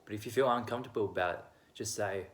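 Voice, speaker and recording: A young man talks straight to his own camera at home, sharing his views in a loose, wandering monologue. His voice sits a little low, and he is quick to poke fun at himself. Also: fairly bright tone. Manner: rambling, self-deprecating, candid. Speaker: vlogger. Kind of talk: casual opinion monologue.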